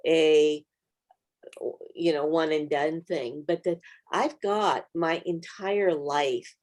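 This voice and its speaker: A middle-aged woman who authors and co-hosts a Bible study speaks in a somewhat low, darkish voice. In casual conversation she is earnest and encouraging, passing along practical advice.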